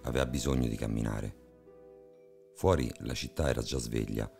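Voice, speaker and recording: A man reads a horror story aloud in a measured, somber voice. His voice is very deep and gravelly, with a dark, mellow tone. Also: fairly even intonation. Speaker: narrator. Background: faint music.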